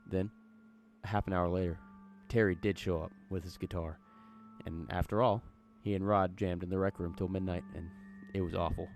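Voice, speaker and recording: Deep voiced guy telling a creepy story, chatty folksy read, soft music under it. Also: steady tone, moderate pace. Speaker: narrator. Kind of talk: reading a horror story aloud.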